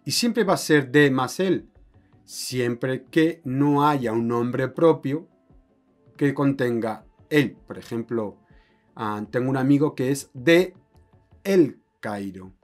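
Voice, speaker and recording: Slow-talking man teaching Spanish. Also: mid-range voice, lively intonation, soft background music. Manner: explains slowly, checks with "ok?". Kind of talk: online language lesson.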